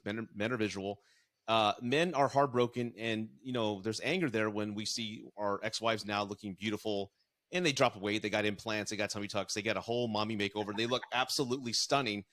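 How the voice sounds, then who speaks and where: A middle-aged man with a voice of ordinary pitch, talking earnestly in a relaxed chat. He coaches people on dating and divorce, and he works through stories from his past marriage, acting out the other voices as he goes. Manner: earnest, storytelling with acted-out quotes. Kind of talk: casual podcast conversation.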